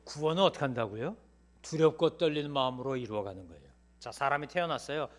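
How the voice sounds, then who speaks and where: A middle-aged man preaching a Sunday sermon in a church, telling personal stories and swinging from loud pleading to hushed asides. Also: medium pitch, animated, fast talker. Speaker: pastor. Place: church sanctuary.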